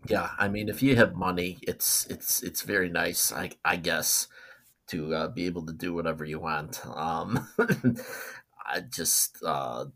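Man, podcast co-host, very deep voice, hesitant, filler-heavy, blunt. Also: a little slow, creaky, sharp tone. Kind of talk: casual podcast chat.

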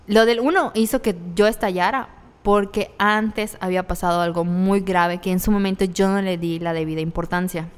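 A young woman with a Mexican accent tells her story in candid, slangy chat, laughing now and then. Her voice is smooth and resonant, and a long reverb rings around it. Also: medium pitch, fairly even intonation, moderate pace. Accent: Mexican Spanish. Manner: candid, laughs through hard memories, slangy. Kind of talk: casual conversational storytelling.

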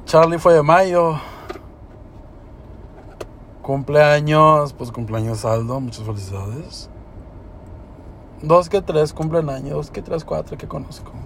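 A man's voice: a little high, a little slow, vocal fry, a little hiss or hum. A young man hosting a podcast, talking in a rambling, emotional, slangy way. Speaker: podcast host. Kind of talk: casual podcast chat.

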